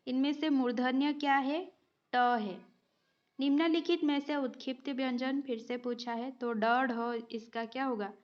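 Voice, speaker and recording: Her voice a bit high and her intonation fairly even, a woman leads an exam-prep grammar lesson at an unhurried pace. She patiently works through multiple-choice quiz questions, explaining each step and frequently checking in with students by saying "okay." The sound is dull and a little lo-fi.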